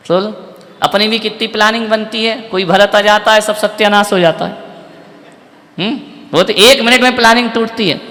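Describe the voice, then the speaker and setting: A man giving a sermon as a monk preacher, telling a story with rhetorical questions to the audience and sudden loud bursts. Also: sits high. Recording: reverberant hall.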